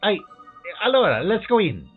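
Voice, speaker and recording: A man's voice: sits high, huge pitch swings, normal speed, soft background music, pitched above the performer's own voice. A man voicing a prim, easily alarmed female detective who stammers and feigns bravery in a video game. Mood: uneasy. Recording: thin phone-like sound.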